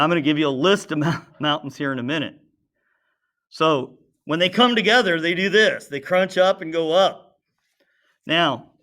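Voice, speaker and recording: A man with a high, sharp voice teaches a casual science class, sketching as he goes and quizzing his students. He's chatty and mutters to himself while he draws.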